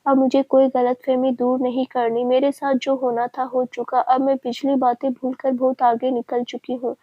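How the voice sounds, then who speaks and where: A woman reading the lines of a hurt, defiant young woman in a family story, with a husky voice. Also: high-pitched, level tone, moderate pace, dry recording. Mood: bitter. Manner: bitter, defiant. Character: hurt, bitter young woman cutting off a friend. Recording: dry, dull lo-fi sound.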